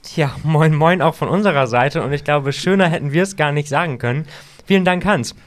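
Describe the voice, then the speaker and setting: A man's voice: on the high side, fairly quick. A man co-hosting a podcast who asks questions in a curious, light way and laughs easily. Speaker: podcast co-host. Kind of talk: casual podcast chat.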